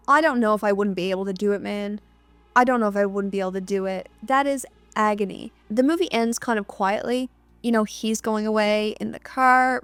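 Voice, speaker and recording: A woman with a fairly high voice talks through a film recap like she is chatting with a friend. She is emphatic and circles back to repeat her key lines. The sound is close and dry, with no room echo. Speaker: movie reviewer.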